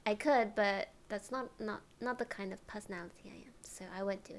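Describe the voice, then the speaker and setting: Giggly soft-spoken woman with vocal fry. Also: medium pitch, fairly even intonation, a little fast. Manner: giggly, soft-spoken, often drops to a whisper. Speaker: streamer. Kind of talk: casual stream chat.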